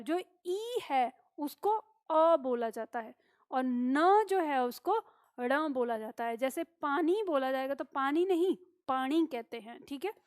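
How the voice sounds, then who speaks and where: A woman's voice: high voice, no room sound, studio quality. A woman teacher giving a classroom lecture, explaining points step by step and often checking with her students. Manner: explanatory, repeats key points with "ठीक है?".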